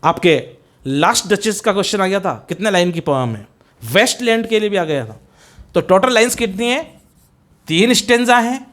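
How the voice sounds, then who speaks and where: An Indian man lecturing on a poem for a competitive exam, switching between Hindi and English. His voice sits noticeably high for a man, and he drills his students by counting lines and repeating the likely questions. The delivery is a teacher's steady classroom explanation. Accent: Hindi-speaking Indian.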